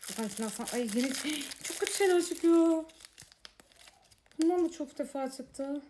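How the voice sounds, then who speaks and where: A woman's voice: medium pitch, noisy background. Grumbling woman unboxing toys at home. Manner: grumbling, exasperated, chatty. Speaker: unboxing vlogger. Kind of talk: casual unboxing chat to viewers. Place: apartment room.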